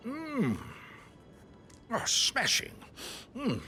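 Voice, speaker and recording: A posh, high-voiced diner. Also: male voice, huge pitch swings, extremely slow, pushed and bright, full character voice. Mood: indulgent. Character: wealthy male diner, pleased and indulgent. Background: game music.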